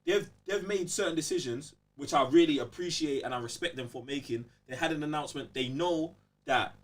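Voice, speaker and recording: A young London-accented man hosts a casual podcast, speaking emphatically in slang and repeatedly using tag phrases to check he's being followed. His voice is fairly high and a little fast. He sounds far from the mic.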